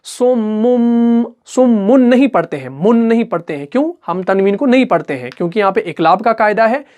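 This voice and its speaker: A man with an Urdu-speaking accent teaching Quran recitation rules step by step, asking questions and answering them himself, and chanting example words slowly with drawn-out syllables. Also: high-pitched, lively intonation, a little mellow. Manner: patient, repeats each example slowly. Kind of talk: step-by-step tajweed lesson.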